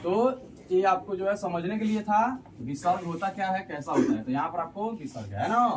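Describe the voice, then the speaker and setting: A man teaching a classroom lesson, asking the class questions and repeating their answers with drawn-out syllables. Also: high-pitched, animated. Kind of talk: classroom Hindi grammar lesson. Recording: distant mic, noisy class around.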